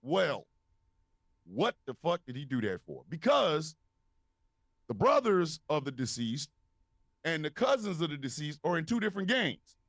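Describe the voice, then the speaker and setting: A man's voice: fairly high pitch, unhurried, vocal fry, long pauses, no echo. A man co-hosting a podcast, telling a wild story with lots of swearing and laughter. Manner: animated, profane, laughing storyteller. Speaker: podcast co-host. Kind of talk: casual storytelling.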